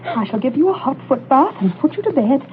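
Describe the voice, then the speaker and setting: Brief: a prim, motherly lady in a 1940s radio play, lively in pitch, heard over a tinny broadcast. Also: a little fast. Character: prim, fussing middle-aged mother. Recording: tinny old radio broadcast, faint hiss.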